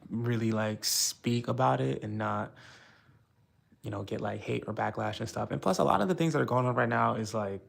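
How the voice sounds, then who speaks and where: A man's voice: mid-range voice, moderate pace, creaky. A young man from the United States talking casually and frustratedly on a live stream, rambling with many fillers.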